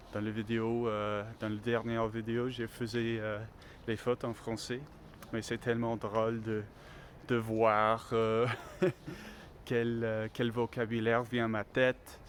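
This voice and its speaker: A man who speaks English natively, talking slowly in learner French while vlogging on a phone as he walks outside, hesitant with many fillers and restarts. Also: lowish voice. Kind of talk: casual walking vlog. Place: outdoors on a street. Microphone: phone held while walking. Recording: faint outdoor street noise. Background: street ambience, passing vehicles.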